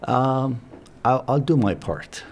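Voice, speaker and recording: Deep raspy guy, armenian first language, flat delivery, some faint hiss behind. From Iran. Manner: earnest, reflective, halting with fillers. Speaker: guest, company CEO. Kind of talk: interview conversation.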